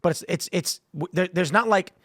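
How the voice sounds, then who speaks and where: Blunt podcast host, slightly high voice. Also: male voice, moderate pace, fairly bright tone, no echo, clean studio sound. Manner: blunt, casual slang. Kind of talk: casual political discussion.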